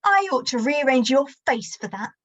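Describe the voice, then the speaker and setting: A woman reading a story aloud, voicing an angry, bullying father who shouts at his wife. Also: high-pitched, lively intonation, moderate pace, highs cut off. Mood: menacing. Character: angry abusive father, middle-aged man. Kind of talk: audiobook-style story reading.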